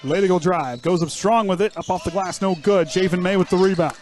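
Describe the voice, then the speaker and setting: A man calling play-by-play for a high school basketball game, with joking banter between plays. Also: brisk, a little mellow, faint music behind. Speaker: play-by-play announcer. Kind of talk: live basketball commentary.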